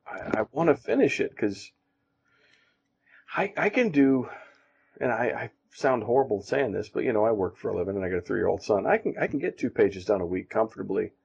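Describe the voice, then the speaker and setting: A man co-hosting a casual podcast, talking in halting, self-deprecating stops and restarts. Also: fairly low pitch, lively intonation, vocal fry, darkish tone, slightly rough. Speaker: podcast co-host and comic artist. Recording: dull lo-fi sound.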